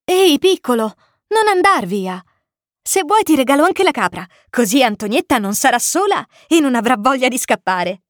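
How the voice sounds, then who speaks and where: A woman's voice: high voice, very animated, fairly quick, hardly any pauses, no room sound. Stranded pilot man read by a woman, kind, coaxing tone, storybook reading, dry sound. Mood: gentle coaxing.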